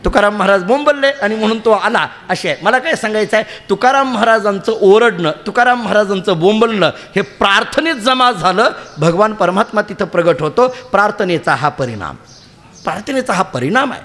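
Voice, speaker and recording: A man's voice: sits high, lively intonation, brisk, a bit bright. A man preaching and telling stories to a live audience, chatty and humorous, often asking the listeners questions. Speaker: kirtan preacher. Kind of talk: sermon storytelling. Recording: long hall reverb.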